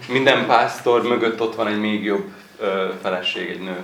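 A man works as a live interpreter of a sermon, speaking in halting phrases and often restarting his words. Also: lowish voice, fairly bright tone. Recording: echoey room with faint noise.

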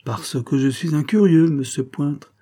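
A man's voice: fairly high pitch, unhurried, mellow, pitched above the performer's own voice. A man doing a sly, mocking detective. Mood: cool. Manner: cold, teasing and self-assured. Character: cool, sly male detective, mocking and bold.

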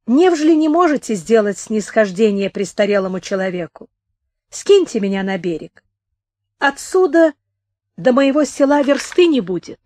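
A woman's voice: on the high side, big pitch swings, moderate pace, darkish tone, no room sound. A woman voicing a stubborn, cunning old village man who grumbles and quarrels in rustic speech in an audiobook. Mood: quarrelsome.

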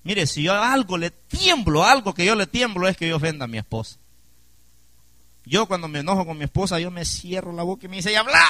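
Preaching a sermon at a fairly quick clip, this pastor has a slightly high, bright and forceful voice with a swinging, lively delivery. He keeps up the emphasis, poses question after question to the congregation and asks for amen, all captured in a dry, close recording.

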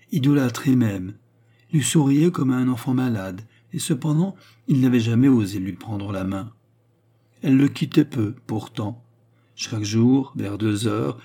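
A man narrating an audiobook in a measured, expressive way. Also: medium pitch, husky.

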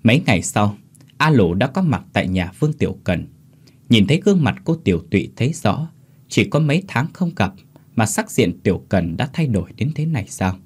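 A man reading a ghost story aloud in steady, measured scripted narration. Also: on the low side, husky.

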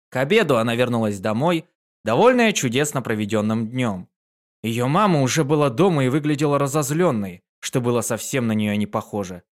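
A man narrating a fan story in a calm, even reading voice. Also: medium pitch.

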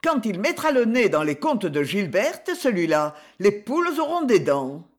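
This audiobook character voice portrays a middle-aged mother who is scheming and triumphant, delivered loud and emphatic. Medium in pitch, it swings widely while keeping a measured pace.

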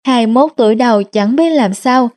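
A woman narrating a storybook tale in the first person. Her voice sits a little high, and she keeps a steady, plain reading tone. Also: fairly quick.

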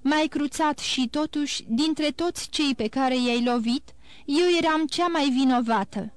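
A woman's voice: sits high, dry recording, lightly acted. A woman voicing a grieving, guilt-ridden woman near forty who pleads sorrowfully and blames herself, read from an audiobook. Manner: sorrowful, self-reproaching pleading. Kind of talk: audiobook character reading.

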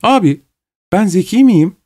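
A man reading an audiobook, voicing a brooding, earnest young woman who speaks softly and hesitantly. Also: mid-range voice, animated, a little slow, voice pushed up.

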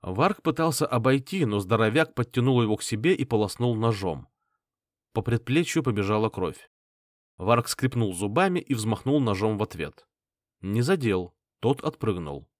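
A man narrating a first-person audiobook in a lively, expressive way. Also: fairly low pitch, normal speed, no room sound, clean studio sound.

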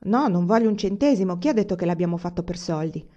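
A woman's voice: fairly low pitch, expressive, quick pace, warm tone, natural voice. A woman voicing a cheerful, plain-spoken young frontier man, in an audiobook reading. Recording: dull lo-fi recording.

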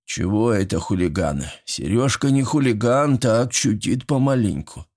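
A man voicing an ailing, stubborn old village man with a creaky voice who grumbles. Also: on the low side, lively intonation, moderate pace, a little mellow.

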